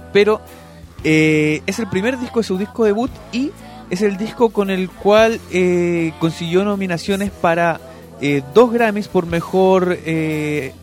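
A young Chilean man with a notably high voice chats loosely on a radio music show, padding his talk with fillers and restarts. Soft music plays behind him in the studio. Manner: chatty, many fillers and restarts. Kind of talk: casual radio chat about music.

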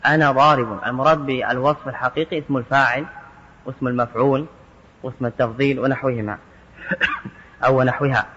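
A man at a middle pitch explains grammar with patient, methodical care, quoting an example and then breaking it down word by word. His voice carries a long hall reverb, and the recording sounds dull and lo-fi. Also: steady tone, fast talker, pauses often, fairly bright tone, husky. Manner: methodical, quotes verse examples then parses each word. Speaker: Arabic grammar teacher. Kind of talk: explaining a grammar text line by line.

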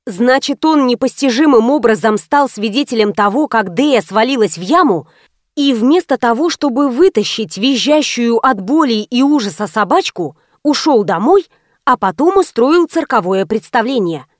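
A woman narrating a story in the first person, wry and brisk. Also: fairly high pitch, lively intonation, no echo, clean studio sound. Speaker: audiobook narrator.

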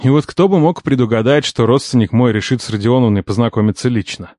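A man reading a first-person audiobook with an ironic, expressive storytelling manner. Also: medium pitch, fast, no echo, studio quality. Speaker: audiobook narrator.

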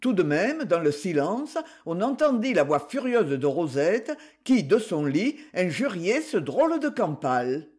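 A man narrates a novel aloud in an expressive storytelling manner. His voice sits high and moves in wide, lively swings. It suits an audiobook. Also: measured pace, hardly any pauses, husky. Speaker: reader.

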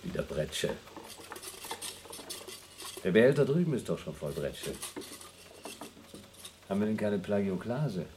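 An actor playing a sober, matter-of-fact and rather pedantic astronaut in a German radio play. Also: male voice, fairly low pitch, big pitch swings, unhurried, long pauses, noisy background.

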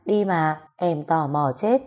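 Teasing young mother in a storybook, wheedling and coaxing, lowish voice as a woman narrator puts her on. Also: takes it slowly, a little mellow. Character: playful, pestering young mother.

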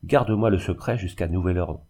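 Guy doing an unhappy young girl, proud and pleading, kinda low and dark for a girl, storybook reading. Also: a little fast, vocal fry. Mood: resolute. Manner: earnest, pleading.

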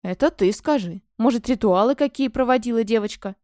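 A woman's voice: fairly high pitch, a little fast, a little mellow, no room sound, studio quality, close to an everyday voice. A woman growling as a rude, skittish male dragon. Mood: grumbling. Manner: growling, hissing.

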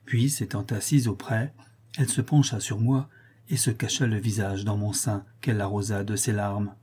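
A man narrating a classic novel as an audiobook reader, in a measured, expressive way. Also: on the low side, slightly rough.

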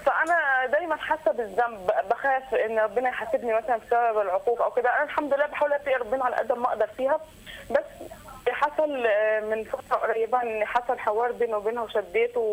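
Woman, Egyptian accent, 30s, caller, weary, distressed, hesitant, very fast talker. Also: on the high side, poor audio. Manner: hesitant, fillers and restarts. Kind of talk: call-in confession.

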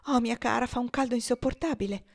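A woman's voice: a little high, quick pace, vocal fry, pitched above the performer's own voice. A weary, complaining mother from an old novel, as a woman reader puts her on. She brushes every worry aside with a whiny, self-absorbed drawl. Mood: languid. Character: languid complaining wealthy mother, self-pitying.

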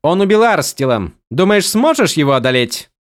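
Мужчина-чтец озвучивает коренастую властную женщину-наёмницу, говорящую резко и ворчливо. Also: male voice, fairly high pitch, very animated, normal speed, no echo, studio quality, pitched above the performer's own voice. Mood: brusque. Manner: blunt, gruff, grumbling. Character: stocky brusque woman mercenary, bossy.

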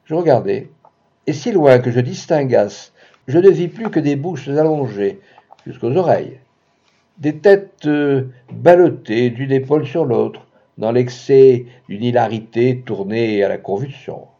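Casting: dark, husky male storyteller, dramatic literary reading, expressive delivery, dull lo-fi sound. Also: mid-range voice, a little slow.

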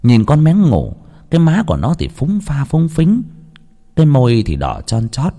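A man narrating a ghost story with an expressive, drawn-out storyteller delivery. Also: mid-range voice.

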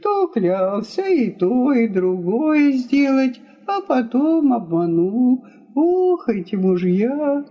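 Tearful, indignant wife, high and swooping, played by a woman reader. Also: sing-song, slow pace, muffled recording, heavily acted.

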